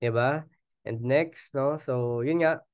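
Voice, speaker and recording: Filipino man, sales trainer, chatty, coaxing, smooth resonant voice, dry close sound. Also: mid-range voice, slow pace, darkish tone, dry recording. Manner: keeps asking the audience "di ba?", chatty and coaxing. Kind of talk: casual Taglish training talk.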